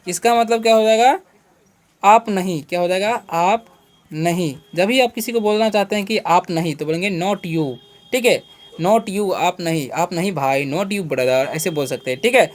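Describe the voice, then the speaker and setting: A man hosting a beginner English lesson. He spells words out letter by letter, keeps asking and then answering his own questions, and fills the pauses with a checking "okay". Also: sits high. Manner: patient, repetitive teaching; asks rhetorical questions and then answers them. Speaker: English teacher, channel host.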